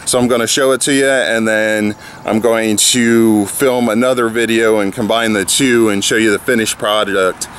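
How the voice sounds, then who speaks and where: Guy in his 30s vlogging slow and laid back on a handheld cam, lowish voice, bit of outdoor noise behind. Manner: relaxed, rambling with fillers. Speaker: fitness vlogger. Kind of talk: casual vlog walkthrough. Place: outdoors by a house, then a garage. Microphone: handheld camera at arm's length.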